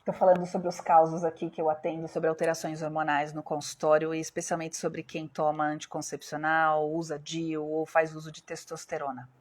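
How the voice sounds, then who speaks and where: A woman's voice: low voice, completely flat delivery, brisk, few pauses. A woman with a Brazilian Portuguese accent, hosting a live stream as a doctor, explaining step by step and putting questions to her viewers. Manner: explanatory, asks viewers questions and answers them herself.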